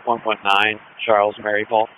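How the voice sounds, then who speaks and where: A man calling in over two-way radio in flat coded phrases, heard through a radio transmission. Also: on the low side, normal speed, smooth. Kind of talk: two-way radio dispatch calls. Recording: muffled lo-fi radio.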